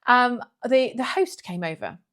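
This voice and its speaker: A woman's voice: a little high, animated, unhurried, a bit bright. A woman, co-hosting a podcast in a blunt, ranting, laughing manner. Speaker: podcast co-host. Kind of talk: casual podcast chat.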